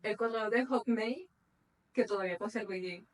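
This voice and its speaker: A woman's voice: on the high side, moderate pace. A woman co-hosting a podcast in casual chat, supportive and often finishing her partner's sentences. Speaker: podcast co-host.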